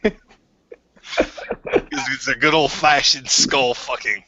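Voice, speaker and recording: Slow and exaggerated, this man's mid-range voice stays fairly even, bright and forceful, with no room sound on a dull lo-fi track. He's acting as a crude, resentful ex-member of a group, faking a New Zealand accent as he rambles and stammers.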